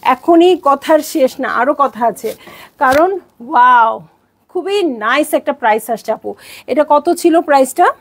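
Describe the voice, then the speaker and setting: This online clothing seller, a young Bangladeshi woman, is animated and unhurried, her high-pitched voice carrying a Bangladeshi Bengali accent. She chats bubbly on a live stream while pitching dresses, sprinkling in English words.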